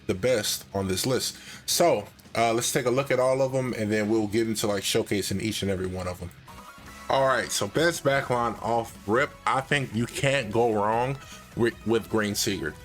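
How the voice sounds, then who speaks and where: A man's voice: medium pitch, normal speed. Rambling young man with faint background music. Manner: rambling, self-correcting, filler-heavy. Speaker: game guide creator. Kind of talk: casual gaming commentary.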